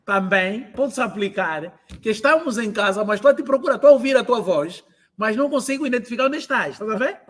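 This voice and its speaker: A man with a very high, animated voice teaches an online language class, explaining and translating phrases, then repeating them slowly for learners.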